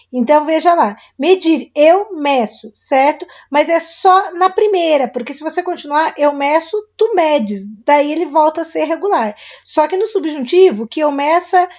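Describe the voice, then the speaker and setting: A woman with a high, light voice and a Brazilian Portuguese accent teaches a grammar lesson to her students. She explains patiently, one step at a time, and often stops to check that they follow. The recording sounds a little dull and lo-fi. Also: darkish tone.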